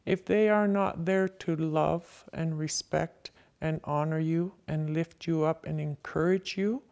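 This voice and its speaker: Older woman, voice disguised deep and gravelly. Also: steady tone, a little mellow. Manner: slow, deliberate, reflective. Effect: voice disguised, pitched down to sound like a man. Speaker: interviewee. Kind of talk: reflective personal testimony.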